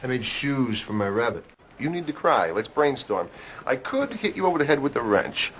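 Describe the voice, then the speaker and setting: An unhinged janitor with wildly swinging pitch. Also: male voice, big pitch swings, normal speed, fairly bright tone, slight background noise. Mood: unhinged glee. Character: eccentric, menacing, gleefully unhinged hospital janitor. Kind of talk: scripted TV sitcom acting.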